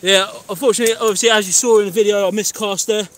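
A man's voice: sits high, steady tone, racing, a little hiss or hum. A man in his thirties with an English accent, chatting casually to viewers on a live stream while fishing from a beach. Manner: chatty, matter-of-fact, talks to viewers. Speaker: fishing channel host. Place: pebble beach outdoors.

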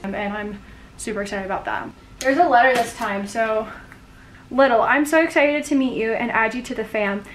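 Bubbly, high-voiced young sorority girl vlogging. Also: normal speed, slight background noise, low-quality recording. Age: young adult. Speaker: vlogger, college sorority member. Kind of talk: casual vlog chat.

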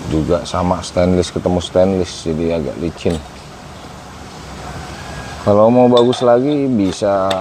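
With a low-pitched, mellow voice and slight background noise, a man in his thirties reviews a camping stove in a casual vlog. Set in an outdoor patio garden, he explains things step by step and refers to his viewers as guys.

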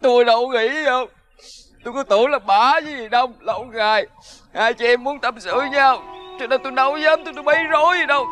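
A man's voice: very high-pitched, quick pace, sharp tone, faint music behind. An actor playing a distraught older man who wails and pleads in tears, searching for a missing woman. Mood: tearful. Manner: wailing, pleading, tearful. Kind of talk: comedy drama acting.

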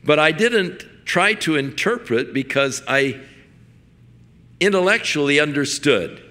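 Older male pastor, folksy and anecdotal in the pulpit, bright tone. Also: mid-range voice. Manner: folksy storytelling with chuckles and restarts. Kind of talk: sermon.

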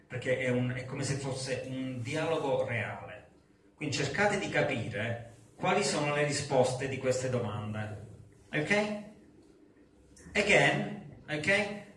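A male English teacher lecturing a class, who explains patiently and drills phrases slowly and emphatically in English. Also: medium pitch, fairly bright tone, far from the mic, slight background noise. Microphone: far recorder in the room. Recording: echoey classroom taped from afar.

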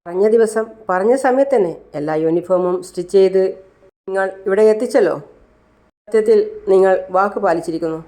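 A woman voicing a pleased male business owner in a retold TV serial, speaking briskly and formally. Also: mid-range voice, warm tone, natural voice.

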